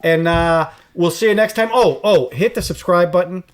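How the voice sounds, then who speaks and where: Chatty fifties male co-host, a touch high, casual film talk over video call. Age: 50s. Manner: chatty, lively, quick to chime in. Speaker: podcast co-host. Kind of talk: casual movie chat.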